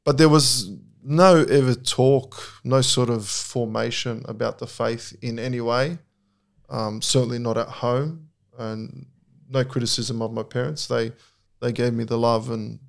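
A middle-aged man, guesting on a casual podcast, talks candidly and thoughtfully, frequently restarting his sentences. His mid-range voice is creaky, with fairly even intonation and a measured pace.

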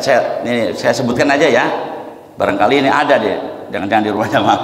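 A man preaching in a mosque, with a lilt, folksy and lively, sprinkling his talk with "nah" and chanting demonstrations. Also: medium pitch, slight background noise. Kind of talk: mosque religious lecture. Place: mosque hall. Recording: echoey long reverb of a mosque hall.

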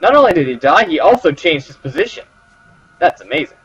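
A man's voice: fairly high pitch, big pitch swings, brisk, fairly bright tone, husky. A man commentating his gameplay, sarcastic and joking as he talks to the characters. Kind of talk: let's play commentary. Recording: slightly dull with game music.

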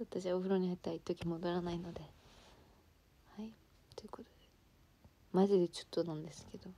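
A young idol from Fukuoka, Japan, speaking in Hakata dialect, chats casually on a livestream with a lowish, warm voice. She rambles with fillers and giggles while reading fan comments.

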